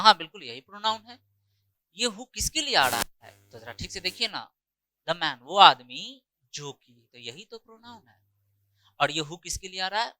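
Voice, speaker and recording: A man's voice: a little high, sharp tone, dry recording, low-quality recording. A man teaching an English grammar lesson in Hindi with an Indian English accent, explaining step by step and asking and answering his own questions. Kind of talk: online classroom lecture.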